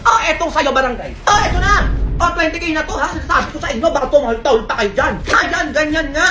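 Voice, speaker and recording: A woman performing comedy skits, loud and teasing as she scolds. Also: high voice, fast, roomy sound, noisy background. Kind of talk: comedy skits playing several characters.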